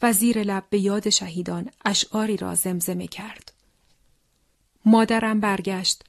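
A woman narrates a grim wartime account in a solemn, measured read. Her voice sits at an ordinary middle pitch and keeps dropping into hushed, breathy whispers. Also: steady tone, dry recording, clean studio sound. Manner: solemn, slow, often sinks to a hushed whisper. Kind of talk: scripted narration of a wartime testimony.

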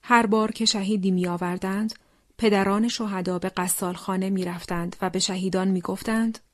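Solemn woman narrator, hushed. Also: mid-range voice, steady tone, no echo, clean studio sound. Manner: solemn, slow, often sinks to a hushed whisper. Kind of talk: scripted narration of a wartime testimony.

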